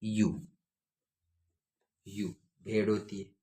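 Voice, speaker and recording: A man teaches a grammar lesson at an unhurried, very slow pace. His voice sits a little low. He spells words out letter by letter and puts questions to his class. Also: monotone, warm tone.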